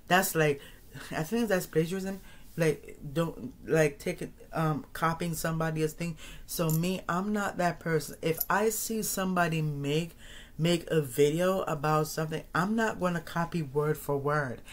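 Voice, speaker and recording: At normal speed and a somewhat high pitch, this thirtysomething podcast host talks casually to his listeners on his own, rambling, repeating phrases and often restarting sentences.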